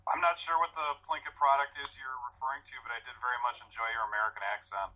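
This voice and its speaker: A man joining a podcast as a guest, speaking in a measured, slightly halting way in casual chat. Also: medium pitch, bright, forceful tone, highs cut off.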